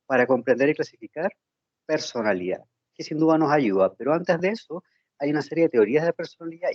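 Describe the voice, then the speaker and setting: Un profesor imparte una clase por videollamada, pausado y con muchas muletillas. Su voz llega entrecortada por una mala conexión, con un sonido apagado y de baja calidad. No se oye ninguna reverberación de la sala. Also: male voice, mid-range voice, darkish tone. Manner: measured, with frequent "eh" fillers. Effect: choppy, breaking-up audio from a bad connection. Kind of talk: online university lecture. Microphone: computer microphone on a video call. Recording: dull, lo-fi and dry.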